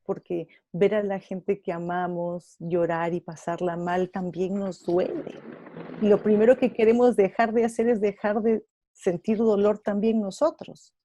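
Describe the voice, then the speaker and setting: A woman's voice: medium pitch, warm tone, no room sound. A woman with a Peruvian Spanish accent speaking as a guest on an online panel, explaining patiently and acting out quoted dialogue.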